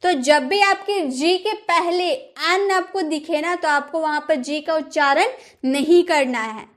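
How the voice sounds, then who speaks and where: A woman's voice: high-pitched, a little slow. A woman teaching an English lesson, patiently asking her listeners questions and answering them herself. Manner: patient, asks the class rhetorical questions. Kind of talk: classroom lesson.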